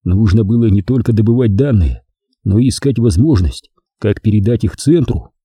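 A man reads a wartime memoir aloud in a measured storytelling manner. His voice is very dark and husky, with a lively, rising and falling pitch. The sound is dry and close. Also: dry recording, dull audio. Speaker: narrator. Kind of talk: audiobook memoir reading.

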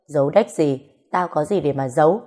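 Coarse, swearing woman in a storybook, gruff and scolding, voice on the low side as a woman narrator puts her on. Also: moderate pace, warm tone. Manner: rough, scolding, swears freely. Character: coarse, blunt, foul-mouthed grown woman.

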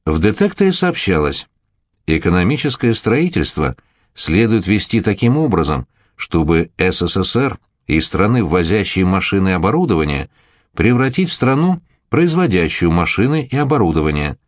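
A man narrating a novel as an audiobook in a measured storytelling manner. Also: low voice, big pitch swings, no room sound, studio quality.

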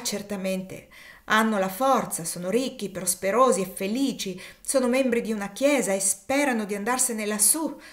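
A woman's voice: mid-range voice, natural voice. A woman reading as an impassioned young fugitive man. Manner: rising, emphatic outbursts. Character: impassioned young male fugitive, grieving and defiant.

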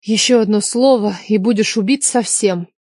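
A man's voice: sits high, moderate pace, darkish tone, dry recording, clean studio sound, voice pushed up. A man putting on a grumpy hungover young woman. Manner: sulky, curt and commanding. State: headache.

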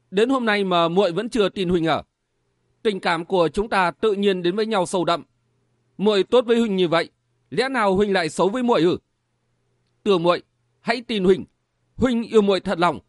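A man's voice: high-pitched, a little fast, pauses often, no room sound, studio quality, close to an everyday voice. A man voicing a tender, stubborn young swordsman in a martial-arts romance audiobook, talking in an earnest, soothing way.

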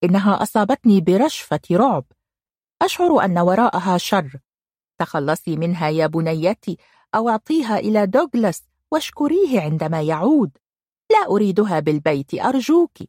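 A woman's voice: mid-range voice, very animated, fairly quick, a little mellow, slightly rough, no echo, studio quality, voice pushed up. Woman doing a fearful old mother. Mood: uneasy. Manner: anxious, pleading. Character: frightened elderly mother in a wheelchair.

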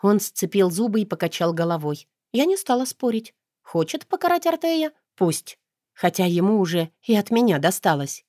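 A woman narrating a first-person audiobook in a smooth, even storytelling manner. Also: medium pitch, moderate pace, no room sound, clean studio sound.

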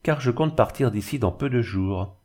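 A man's voice: mid-range voice, expressive, normal speed, darkish tone, natural voice. A man voicing a proud, bitter young woman who speaks with cold pride.

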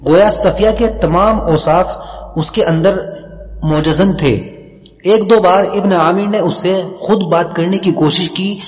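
Reverberant lo-fi male story narrator. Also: sits high. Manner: measured, even storytelling. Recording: dull lo-fi with long reverb.

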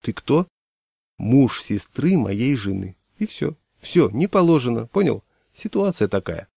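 A man doing a sly hushed petty official. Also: medium pitch, sing-song, unhurried, vocal fry, breathy edge, no room sound, studio quality, exaggerated voice. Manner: hushed, conspiratorial, mumbling. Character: evasive male official relative, chummy, sly.

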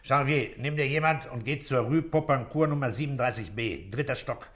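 An actor playing a calm, authoritative middle-aged Paris police commissioner, terse and matter-of-fact, in a German radio play. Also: male voice, medium pitch, fairly quick, lightly acted. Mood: commanding.

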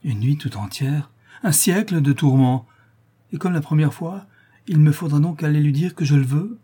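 A man voicing a young noblewoman in love, reading an audiobook of a classic novel with a soft, pleading delivery. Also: fairly high pitch, animated, normal speed, husky, pitched above the performer's own voice. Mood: anguished. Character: young noblewoman, tender and impassioned lover.

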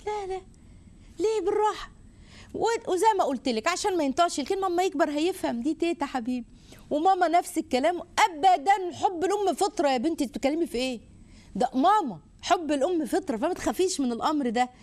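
An Egyptian woman hosting a live religious advice show. She exhorts and gently teases her callers in an animated way. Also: sits high, rapid-fire. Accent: Egyptian Arabic. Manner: animated, exhorting, warmly teasing. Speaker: host answering viewer questions.

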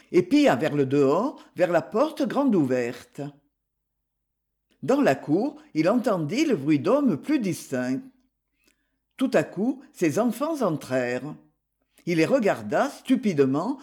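Brief: male audiobook narrator, high lively voice, unhurried. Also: slightly rough. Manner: measured, expressive reading. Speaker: audiobook reader. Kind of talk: scripted narration of a novel.

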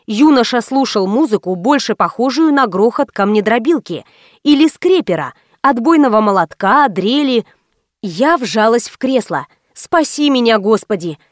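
A woman's voice: on the high side, expressive, moderate pace, no room sound. A woman narrating a first-person novel in a wry, ironic way, close to the microphone. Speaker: audiobook reader.

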